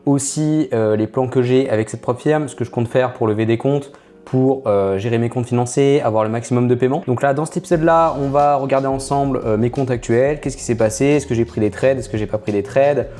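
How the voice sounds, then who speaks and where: A trading channel host chats his way through a screen-share, speaking directly to viewers in a relaxed, mellow, darker mid-range voice. He hesitates a lot and fills gaps with "euh," while soft music plays faintly beneath.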